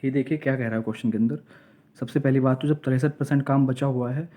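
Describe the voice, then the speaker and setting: A man teaching exam math step by step, reading each question slowly and then explaining it. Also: mid-range voice, steady tone, mellow. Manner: explains step by step, often asks and answers himself; reads English question text slowly, then explains it in Hindi. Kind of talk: exam-prep math lesson.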